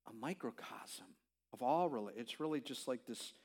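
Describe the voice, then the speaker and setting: A man in his fifties preaching a conversational sermon as a pastor, telling stories with animated swings and frequent halting restarts. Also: mid-range voice, breathy edge. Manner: animated storytelling, voice leaps up when reenacting his own pleas; halting restarts and repeated words.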